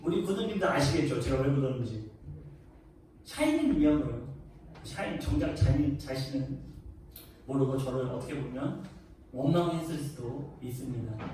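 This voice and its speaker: A man's voice: a little high, darkish tone. A man preaching a sermon as a pastor, telling a family story in an earnest way that rises to emphatic peaks. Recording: echoey church hall, distant mic, faint noise.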